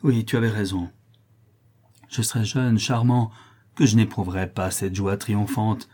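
A man voicing a cruel, scheming male notary who confesses his crimes and then grows frantic, with a dark husky voice. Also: fairly low pitch, fairly even intonation, measured pace. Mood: confessing coldly. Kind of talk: audiobook character reading.

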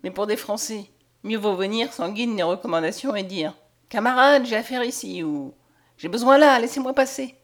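A woman's voice: medium pitch, animated, moderate pace, natural voice. A woman voicing a bold, loyal male hussar who firmly defends a friend, in an audiobook. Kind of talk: audiobook character voice.

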